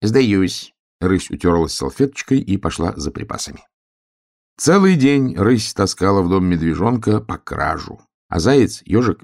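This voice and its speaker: A man reading a children's story aloud, expressive and acting out each animal. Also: sits low, gravelly, slightly rough.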